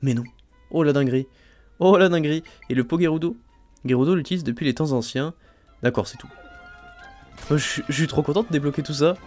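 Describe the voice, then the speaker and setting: A man casually talking through his own gameplay, thinking aloud and filling pauses with little fillers. He gets excitable over each new discovery. Faint game music plays softly behind him. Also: a little high. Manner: chatty, thinks aloud, frequent "hein" and "euh" fillers. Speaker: let's play host.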